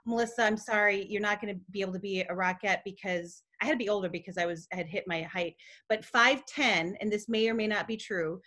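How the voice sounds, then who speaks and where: A middle-aged woman chatting as a guest from home, telling lively stories and acting out the people she quotes. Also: mid-range voice. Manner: lively storyteller who acts out quoted people. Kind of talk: casual chat.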